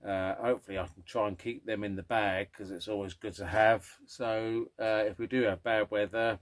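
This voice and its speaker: A middle-aged man with a low-pitched voice talks to his vlog viewers. He comes across as a low-key grumpy old man, rambling casually as he goes, in the manner of a hobbyist host. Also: steady tone, moderate pace. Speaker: host of a classic car vlog.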